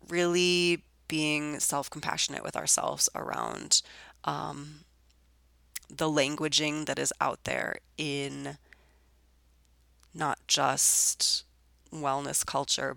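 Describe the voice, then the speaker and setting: A woman hosting a solo podcast while sick, her hoarse voice heavily gravelly with vocal fry. Her tone stays bright and forceful. She talks in a loose, rambling way full of ums and likes, recorded close and dry. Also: deep voice, no room sound. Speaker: podcast host. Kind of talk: casual solo podcast chat.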